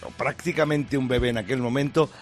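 A man's voice: mid-range voice, steady tone, a little fast. A man hosting a morning radio show, bantering jokingly with co-hosts over a music bed. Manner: jokey, teasing.

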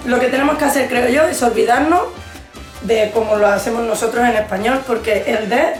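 A woman's voice: fairly high pitch, fairly quick, echoey room, faint music behind. A woman, explaining English mistakes in a casual co-hosted lesson, teasing her partner. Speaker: co-host teaching English.

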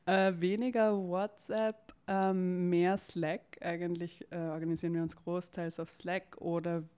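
A young woman from Vienna talks in an easygoing interview. Her Viennese accent is clear, her voice sits low and warm, and her pitch stays fairly even. She fills pauses with ums and chats freely. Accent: Viennese Austrian German. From Vienna, Austria. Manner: talkative, many fillers, occasional laughs. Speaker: interview guest, campaign spokesperson. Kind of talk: casual interview.

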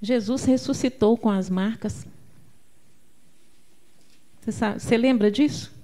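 A woman's voice: on the high side, measured pace, mellow. A woman preacher with a Brazilian Portuguese accent gives an emphatic sermon, calling out to the congregation and telling homely stories.

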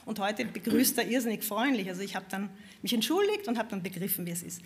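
A woman from Vienna with a Viennese accent, telling lively anecdotes as a guest musician and laughing often. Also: mid-range voice, quick pace. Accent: Viennese German. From Vienna, Austria. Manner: animated, expressive, laughs often while telling stories.

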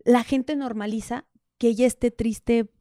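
A Mexican woman in her thirties speaks with a mellow, darker tone. She shares personal stories openly in a casual podcast chat, often slipping into the voices of people she quotes. The sound is close and dry. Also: on the high side, steady tone, measured pace, dry recording. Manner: candid, storytelling, acts out quoted dialogue. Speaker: podcast co-host.

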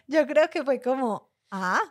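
A woman co-hosting a podcast, chatty and quick to laugh. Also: a little high, lively intonation, no room sound, studio quality. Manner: giggly, chatty, teasing. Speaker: podcast co-host. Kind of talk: casual chat.

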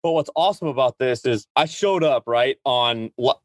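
Male podcast co-host, casual and enthusiastic, playful asides, mid-pitched voice, close dry sound. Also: normal speed, no echo.

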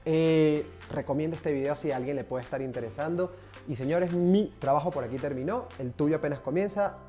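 A man speaking as a career coach in an energetic video tutorial, stressing points by repeating words and speaking straight to his viewers. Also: on the high side, a little fast, faint music behind.

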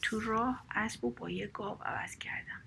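A man's voice: sits high, creaky, full character voice. A woman whispering as a trusting old man. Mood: calm whisper. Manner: calm, cheerful. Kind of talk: whispered role-play.

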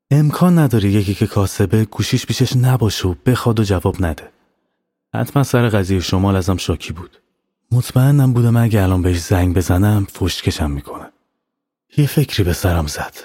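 A man narrating a scripted horror story in a steady, matter-of-fact way. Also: on the low side, breathy edge, no room sound, studio quality. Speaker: narrator and writer.

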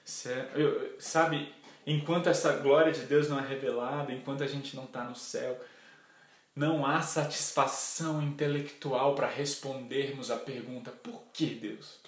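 A man's voice: mid-range voice, steady tone, normal speed. A man preaching a sermon, earnest and full of questions to his listeners. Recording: echoey room.

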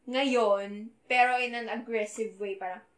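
A woman's voice: a little high, fairly even intonation. Young woman in an echoey room. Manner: explains answers in short halting phrases. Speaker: podcast co-host. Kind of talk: casual chat mixing Tagalog and English.

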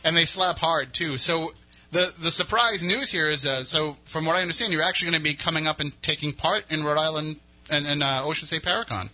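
A man with a fairly high, very bright and forceful voice hosts a radio talk show. He speaks casually and conversationally. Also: a little fast, low-quality recording. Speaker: radio host and paranormal lecturer.

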